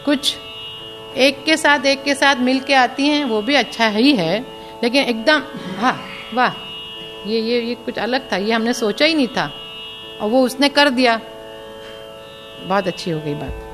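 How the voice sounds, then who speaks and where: A woman who sings classical music, explaining its theory in a slow, explanatory way. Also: fairly high pitch. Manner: slow, explanatory, reciting drum syllables and sung notes. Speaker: classical vocalist and music teacher.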